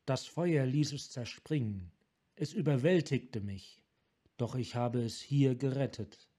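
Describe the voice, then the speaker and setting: A man voicing a tormented male wanderer who speaks in broken, halting phrases, in a fan audiobook reading. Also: mid-range voice, warm tone, breathy edge. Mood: haunted. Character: haunted tormented male dragon-mage wanderer.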